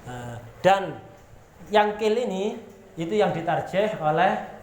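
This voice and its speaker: Teaching from a religious text in a pesantren kitab class, this Javanese-accented man speaks slowly in a high, animated, slightly mellow voice. He reads out Arabic terms before explaining them, jokes, and poses rhetorical questions to his students, amid echo and faint background noise.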